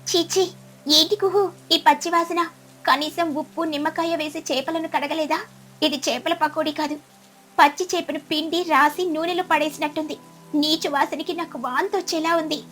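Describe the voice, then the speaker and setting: Brief: woman voicing a whiny, slightly high-pitched sparrow for a cartoon. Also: fairly even intonation, moderate pace, fairly bright tone, soft background music. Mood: disgusted. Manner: fussy, complaining. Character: disgusted small sparrow.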